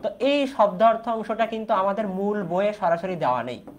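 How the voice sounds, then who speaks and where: A man's voice: high voice, fairly quick, dull audio, a little hiss or hum. A young man from Bangladesh teaching an online exam-prep class in Bengali, asking questions and repeating the key answers.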